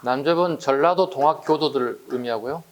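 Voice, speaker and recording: A man's voice: medium pitch, fairly quick, slight background noise. A man teaching an exam-prep history lecture, chatty and full of rhetorical questions to his students.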